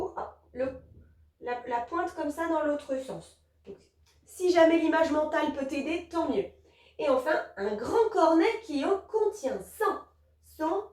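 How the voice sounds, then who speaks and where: A woman teaches young children a grammar lesson, patient and encouraging as she spells words out letter by letter. Her high voice swings up and down in a lively sing-song. It rings in a roomy space, picked up from a little way off the mic. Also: distant mic.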